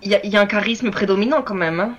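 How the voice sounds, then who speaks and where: A player voicing a very tall, strong, boisterous woman adventurer who teases loudly in a tabletop role-play. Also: mid-range voice, rapid-fire, muffled recording, close to an everyday voice. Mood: hearty teasing. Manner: loud hearty teasing, laughs often.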